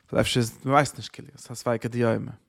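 Gravelly-voiced man teaching with emphasis. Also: mid-range voice, flat delivery, normal speed. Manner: emphatic, rhetorical questions, swings between loud and soft; mixes in English words. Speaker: Torah teacher. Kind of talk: Talmudic lecture.

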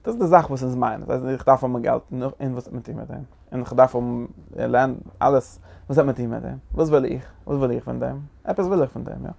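Gravelly-voiced man giving a Torah lecture. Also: mid-range voice, a little fast, a little mellow. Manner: rhetorical questions, repetitive restarts. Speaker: Torah teacher.

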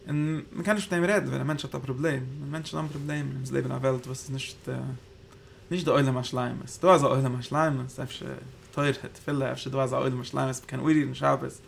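Gravelly-voiced man teaching Torah in Yiddish. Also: mid-range voice, fairly even intonation, fast, slight background noise. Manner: rambling, thinking aloud, Hebrew terms woven in. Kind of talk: Yiddish Torah class on the Zohar.

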